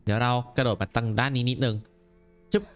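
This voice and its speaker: Excitable man commenting on a game. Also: medium pitch, quick pace, clean tone, soft background music. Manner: excitable, exclaims and repeats words in bursts. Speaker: gameplay commentator. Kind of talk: let's play commentary.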